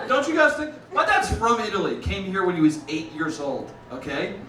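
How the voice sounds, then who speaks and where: A young man does stand-up on a comedy club stage before a laughing crowd, talking casually, swearing, and calling people dude and bro. His high voice is sing-song, bright and forceful at a normal speed. The live club sound is roomy and distant, with slight background noise.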